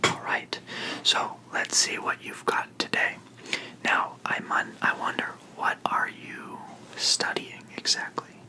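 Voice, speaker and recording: A person in a whispered role-play as a librarian, speaking in a soft, breathy library whisper with polite, reassuring customer-service phrasing. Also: takes it slowly. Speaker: book club librarian helping a customer, role-played.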